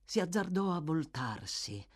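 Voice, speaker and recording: A woman narrates a novel aloud with a dramatic, expressive delivery. Her pitch moves in a lively, animated way through the scripted narration. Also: a little slow, husky. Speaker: audiobook narrator.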